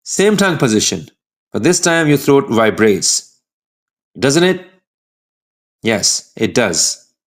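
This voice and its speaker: A man teaching pronunciation in a scripted lesson, speaking in short, separated instructional phrases and demonstrating sounds and words in an exaggerated, drawn-out way. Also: medium pitch, sing-song.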